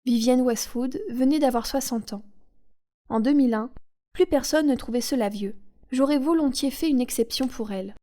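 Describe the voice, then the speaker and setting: A woman reading a novel aloud in a calm, soothing audiobook narration. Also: high-pitched, moderate pace. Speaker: audiobook reader.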